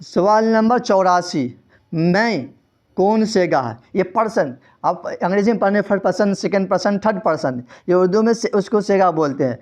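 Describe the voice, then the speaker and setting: A man's voice: high-pitched, a little mellow. A man teaching an exam-prep quiz lesson. He reads out the answer options and repeats each question to his students.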